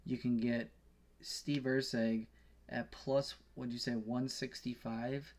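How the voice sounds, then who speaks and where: Rambling casual man with a flat voice. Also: medium pitch, takes it slowly. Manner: rambling, swears, self-corrects often. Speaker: podcast co-host. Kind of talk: casual betting-picks chat.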